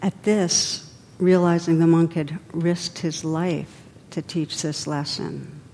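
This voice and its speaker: A woman meditation teacher giving a dharma talk in a reflective, gently meandering way. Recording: reverberant hall with faint rumble.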